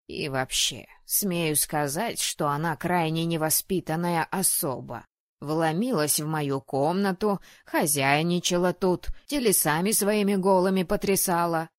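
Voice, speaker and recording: A woman's voice: on the low side, a little slow, dry recording, studio quality, lightly acted. A woman voicing a cantankerous old male ghost who scolds and grumbles at everyone. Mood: grumbling. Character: grumpy old male ghost, a fussy disapproving father.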